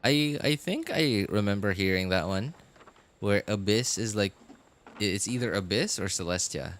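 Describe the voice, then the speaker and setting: Late at night, a man live-streams a game with game music playing and slight background noise. His voice is fairly low, expressive and fairly bright at a normal speed, and his chat with viewers rambles hesitantly, full of fillers and restarts.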